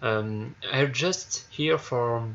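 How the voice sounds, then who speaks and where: A gaming YouTuber from France hosts a casual game review in English with a French accent and a mid-range, fairly bright voice. He halts often to search for words, filling pauses with "uh" and repeated starts. The recording is a bit dull, with a faint hiss underneath.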